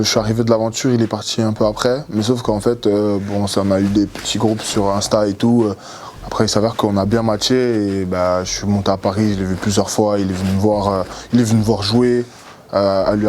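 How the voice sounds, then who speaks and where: Young man, low voice, rambling and easygoing. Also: a little hiss or hum. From Cameroon. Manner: relaxed, rambling, many fillers and repeated words. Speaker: former reality show contestant. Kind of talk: casual interview answers.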